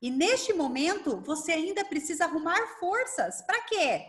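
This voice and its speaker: A Brazilian woman coach giving a lively online workshop, talking fast and asking herself rhetorical questions over a video call. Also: very high-pitched. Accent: Brazilian Portuguese. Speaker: coach and speaker leading a workshop.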